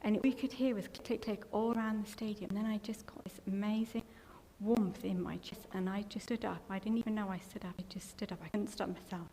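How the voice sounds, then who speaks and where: A woman's voice: medium pitch, steady tone, a little fast, hardly any pauses, warm tone. A middle-aged woman with an English accent recounts her life story as a church testimony. She talks in a loose, rambling way, and her voice catches and turns tearful at times. Her voice carries a long hall echo over faint background noise. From England. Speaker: church member giving testimony. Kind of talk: personal testimony.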